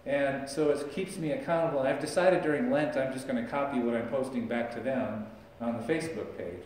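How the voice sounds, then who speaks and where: A man's voice: mid-range voice, steady tone, fairly quick, a little mellow, distant mic, slight background noise. A middle-aged man preaching a sermon as pastor, talking in a conversational way and gesturing as he speaks. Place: church sanctuary, large indoor room. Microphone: far camera, no visible mic. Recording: echoey church recorded from afar.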